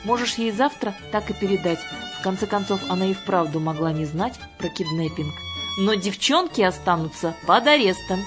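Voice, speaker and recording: A woman's voice: medium pitch, animated, moderate pace, over music, voice pushed up, natural voice. A woman doing a blustering, bossy father. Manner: blustering, commanding, shouting orders. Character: stern angry father, middle-aged man.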